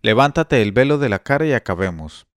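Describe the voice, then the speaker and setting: A man doing a gruff, stubborn Bedouin seller. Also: mid-range voice, expressive, brisk, no echo, clean studio sound, lightly acted. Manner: coarse, loud and blunt.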